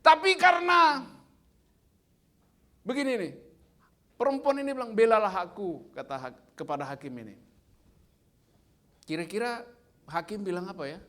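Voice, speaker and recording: Here the lively sermon comes from a fifty-something guest preacher with a very high-pitched voice, who teases the congregation with playful questions. He keeps a moderate pace but leaves long pauses.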